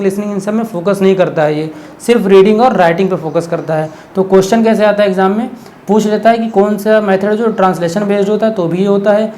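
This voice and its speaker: A male teacher giving an exam-prep lecture in a relaxed, conversational tone. He explains by asking himself questions and keeps checking in with "okay?". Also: high-pitched.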